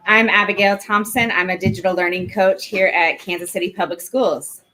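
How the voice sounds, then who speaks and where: A woman's voice: mid-range voice, fairly even intonation, moderate pace, bright, forceful tone. A woman from Missouri, a learning coach, answering school podcast questions in a plain, direct way. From Missouri, USA. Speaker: digital learning coach, guest. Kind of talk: casual interview answers.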